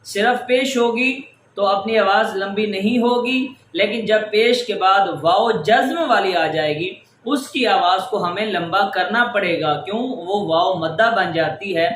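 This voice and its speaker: High-voiced man teaching Quran reading. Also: hardly any pauses, fairly bright tone, a little hiss or hum. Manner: patient, explaining rules step by step, drawing out example words. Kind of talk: tajweed lesson. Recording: echoey room with faint ambience.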